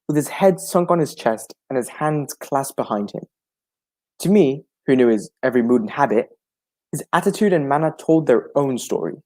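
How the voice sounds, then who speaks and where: A man playing a genial older gentleman doctor in a 1940s-style radio drama, speaking in a hospitable, old-fashioned storytelling manner. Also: fairly high pitch.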